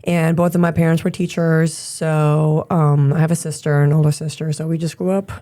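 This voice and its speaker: Woman in her 30s from Germany, low mellow voice, easygoing guest, lots of ums and laughs. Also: normal speed. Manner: relaxed, laughs often, many ums. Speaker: podcast guest, gym owner and coach. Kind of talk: casual interview chat.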